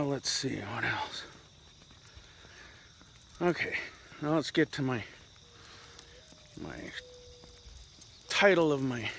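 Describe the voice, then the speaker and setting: A middle-aged vlogger rambles reflectively as he walks outdoors, slightly winded from heading uphill in this casual walk-and-talk monologue. His mid-range voice is a bit bright with vocal fry, and a little hiss or hum sits in the recording.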